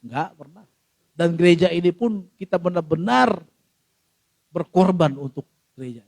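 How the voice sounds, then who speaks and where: A middle-aged male pastor preaching a sermon, telling a personal story with emotion and often addressing the congregation, swinging from loud to hushed. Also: high-pitched, animated, normal speed, creaky, dry recording.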